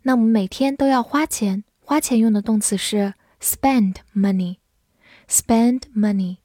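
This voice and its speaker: A woman teaches English vocabulary in a fairly high, soft, mellow voice. She spells each word letter by letter and reads example sentences slowly and clearly. The recording is close and dry. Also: no echo. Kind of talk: vocabulary lesson.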